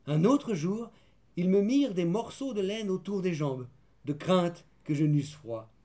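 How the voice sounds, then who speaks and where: A man narrating a children's storybook in the first person, measured and gentle. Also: high-pitched, expressive. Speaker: audiobook narrator.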